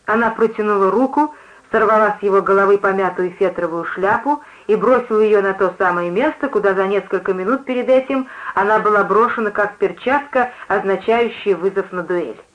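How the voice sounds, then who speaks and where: A measured storyteller reading a literary story aloud at a middle pitch. The recording is muffled and lo-fi, with a dull top end. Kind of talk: literary audiobook narration.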